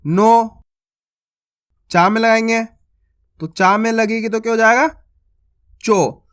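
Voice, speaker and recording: A man teaching reading, sounding out syllables slowly and asking and answering his own questions. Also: very high-pitched, level tone, fairly bright tone. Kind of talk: teaching children to read.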